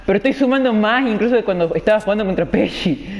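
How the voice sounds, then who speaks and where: Guy gaming, groans a lot, high voice, echoey long reverb. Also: expressive, quick pace. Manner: frustrated exclamations while playing. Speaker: gamer. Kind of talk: casual gaming chat.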